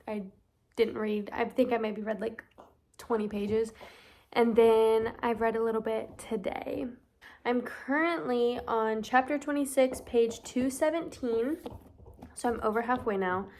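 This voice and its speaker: A young woman in her twenties gives gushing, chatty reading updates in a casual vlog, with lots of fillers. Her voice is a little high and darkish, her pace unhurried. The recording sounds rough.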